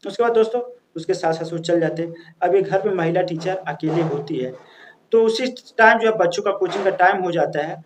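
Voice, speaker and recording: A man telling a story in a high voice, chatty and casual, calling his listeners friends as he goes. He stumbles and restarts often, padding his sentences with fillers. Faint noise sits behind the recording. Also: fairly quick.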